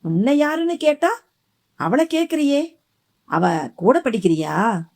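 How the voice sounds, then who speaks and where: A woman voicing a gentle, puzzled old grandmother in an audiobook, with a high quavering voice. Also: very animated, takes it slowly, exaggerated voice. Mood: plain.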